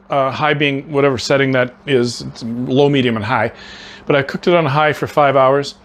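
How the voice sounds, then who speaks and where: A middle-aged man hosting his own cooking channel from his home kitchen, chatty and enthusiastic, with lots of fillers and restarts. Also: fairly high pitch. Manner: talks with mouth full while tasting. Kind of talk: casual cooking vlog.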